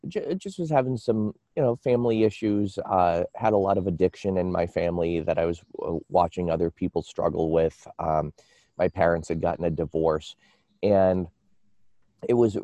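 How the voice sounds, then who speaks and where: An American man telling personal stories casually as an interview guest, in a halting, rambling way that often repeats words. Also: low voice, dark tone, no room sound. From United States.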